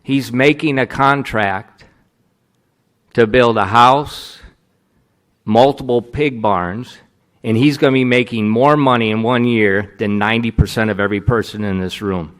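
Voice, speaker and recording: An American man preaching a sermon in short, emphatic phrases, pausing for his interpreter. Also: mid-range voice. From United States.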